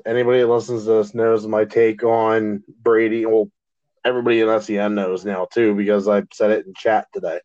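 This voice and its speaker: A man co-hosting a podcast in casual chat, relaxed and laughing often, drawing out some phrases. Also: lowish voice, no echo. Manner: laid-back, laughs often, drawn-out phrasing. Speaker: podcast co-host. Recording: dull lo-fi sound.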